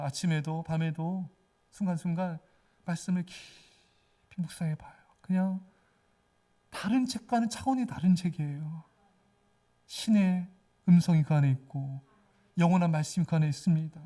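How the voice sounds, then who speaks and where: A middle-aged man preaching a sermon in a notably high voice. He exhorts with fervor, urging his congregation again and again. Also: dark tone, far from the mic. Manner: fervent, exhorting, repeatedly addresses the congregation. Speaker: pastor.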